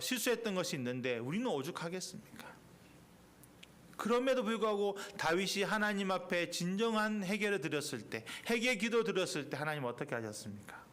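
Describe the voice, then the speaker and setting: A male pastor delivers a sermon in a church sanctuary. His voice sits fairly high for a man, and he swings between fervent, emphatic peaks and quiet, low asides. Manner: impassioned preaching with rising emphatic peaks and quiet drops.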